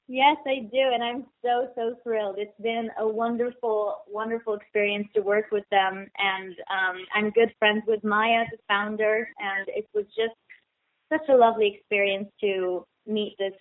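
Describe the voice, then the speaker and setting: A woman's voice: mid-range voice, normal speed. A young woman, heard over a telephone line as an interview guest, talking eagerly and often repeating words for emphasis. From Israel. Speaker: guest actress. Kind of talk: phone interview. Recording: tinny phone line.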